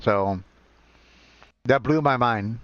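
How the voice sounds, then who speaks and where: A man in his forties chatting casually and haltingly while live-streaming a game, rambling and self-deprecating. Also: medium pitch, no echo. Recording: dull lo-fi, dry sound.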